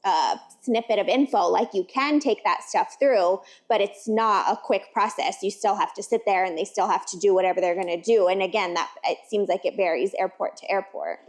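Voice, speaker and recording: A woman's voice: mid-range voice, normal speed, hardly any pauses. A young woman co-hosting a podcast, chatting casually about travel with many fillers and frequent laughs. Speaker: podcast co-host. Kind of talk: casual chat.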